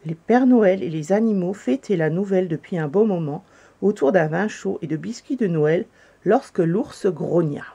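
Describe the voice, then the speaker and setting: Woman storyteller, calm children's story reading, mellow voice. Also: on the low side, normal speed, creaky, husky. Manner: calm, gentle narration.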